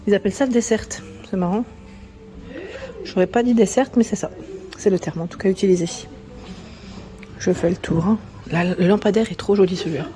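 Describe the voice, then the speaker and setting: A woman with a warm, mellow voice wanders a big furniture store, talking casually into a handheld phone. She reads out prices and measurements in an easy, chatty way, sprinkling in fillers. Soft store music plays faintly behind her. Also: medium pitch. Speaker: vlogger touring a furniture store. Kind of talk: casual walkthrough chat. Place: inside a large furniture store.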